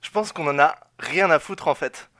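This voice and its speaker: A man reading a role and narration in a comic fan-fiction reading, dry and deadpan. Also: fairly high pitch, moderate pace, no echo.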